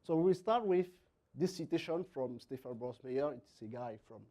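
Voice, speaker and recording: A man from Cameroon with a French-Cameroonian accent gives a technical conference presentation in halting non-native English, sometimes repeating words. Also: fairly high pitch, lively intonation, dark tone. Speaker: conference speaker, software engineer.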